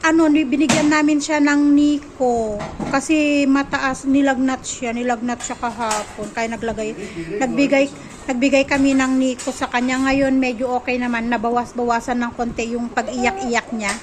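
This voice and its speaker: High-voiced Filipino mom vlogging at home. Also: female voice, steady tone, moderate pace. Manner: chatty, talks to her baby and viewers. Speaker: vlogger and mother. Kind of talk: casual home vlog chat. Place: home, with a baby nearby. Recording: noisy home phone recording.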